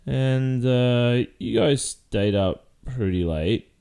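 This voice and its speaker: A man playing a guilty boyfriend in an ASMR role-play, speaking haltingly and carefully with long pauses. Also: medium pitch, gravelly, dark tone, clean tone. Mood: halting, uneasy. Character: hesitant guilty boyfriend confessing, soft and careful.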